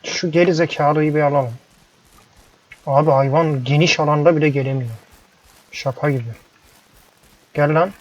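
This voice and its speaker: A man's voice: on the high side, steady tone, moderate pace, pauses often. A young man playing a ranch game, chatting casually and grumbling at the animals as he plays. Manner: frustrated, grumbling, talks to the animals. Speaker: gameplay YouTuber. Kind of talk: casual let's-play commentary. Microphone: headset microphone. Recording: dull lo-fi headset mic with faint noise.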